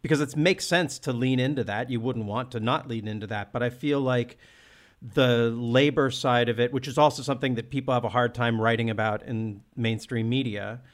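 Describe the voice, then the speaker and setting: A man's voice: medium pitch, fairly even intonation, moderate pace. A man hosting a casual film discussion, talking with enthusiasm and restarting often as he searches for words. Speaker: podcast host.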